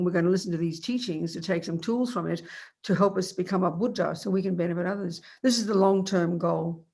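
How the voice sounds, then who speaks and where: A woman with a fairly low, darkish voice speaks as a meditation teacher over a video call. She has a cold that makes her a bit croaky, and her explanation rambles as she keeps correcting herself.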